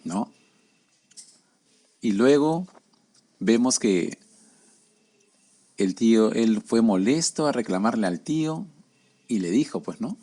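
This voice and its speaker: A man's voice: on the low side, lively intonation, slow, long pauses, dark tone. A man preaching a conversational sermon, often tagging his lines with questions to the listeners.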